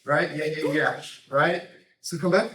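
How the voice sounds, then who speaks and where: A man coaching a jiu-jitsu technique, explaining casually in short, choppy phrases and often checking in with a quick tag question. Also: on the high side, steady tone, a bit bright. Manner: informal, choppy phrases with repeated tag "right?". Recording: roomy echo, distant microphone.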